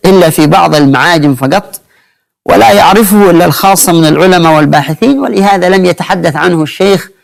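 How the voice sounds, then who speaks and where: A man's voice: on the high side, vocal fry. A man teaching a spelling lesson, patient, repeating key points as he counts through lists.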